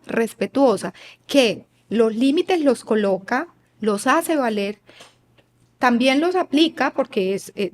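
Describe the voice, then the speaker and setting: A guest expert on child rearing, a woman with a higher voice, explains in an interview with an earnest, didactic teaching tone. She acts out parents and kids and asks listeners rhetorical questions.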